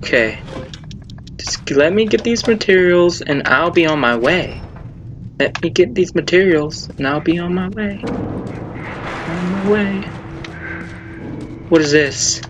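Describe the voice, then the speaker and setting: A young man with a fairly high voice talks through a horror game in casual commentary. He is jumpy and excitable, yelping when startled, and his slow, drawn-out talk sits over clearly audible game sound. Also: noisy background. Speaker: gameplay video host. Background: horror game ambience.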